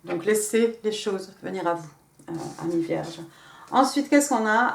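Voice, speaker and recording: A woman's voice: fairly low pitch, vocal fry, echoey room. A woman giving a casual tarot reading, chatty and rambling, thinking aloud with many fillers and slipping English card phrases into her French. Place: home in England.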